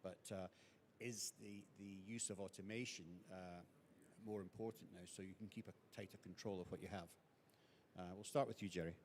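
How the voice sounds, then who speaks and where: Guy hosting a trade panel, lowish voice, lots of uhs and restarts. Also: steady tone, fairly quick, darkish tone, slight background noise. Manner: hesitant, frequent fillers and self-corrections. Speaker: panel moderator.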